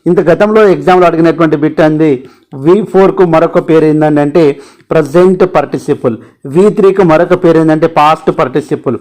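A man with a Telugu accent and a fairly high, darkish voice speaks fast. He's an English teacher for exam aspirants, giving an emphatic grammar lesson and repeating key terms.

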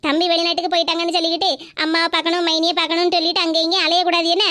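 A woman's voice: extremely high pitch, flat delivery, racing, sharp tone, no room sound, studio quality. A woman voicing a caring, fussing middle-aged woman in a cartoon, with a Kanyakumari Tamil accent.

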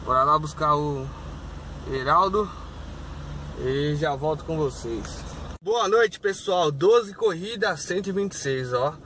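Inside his car at all hours, a young rideshare driver chats upbeat to his viewers in a casual vlog. He speaks on the high side, takes his time, and has a sharp tone. His phone sits on the dashboard as the camera, picking up faint car and road noise.

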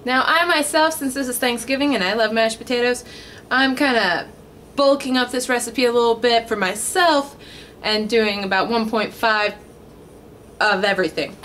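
A woman's voice: on the high side, moderate pace, fairly bright tone, slight background noise. A young woman hosting a casual cooking vlog from her home kitchen, chatty and full of puns, talking straight to the camera. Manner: jokey, punny, chatty.

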